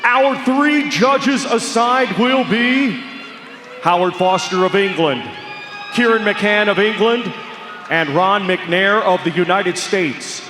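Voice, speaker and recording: Booming high-pitched man, lucha libre style ring announcer. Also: slow pace. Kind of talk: formal ring introductions to the crowd. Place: large indoor boxing arena. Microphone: ring announcer's microphone over PA. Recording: echoey arena PA, loud crowd noise.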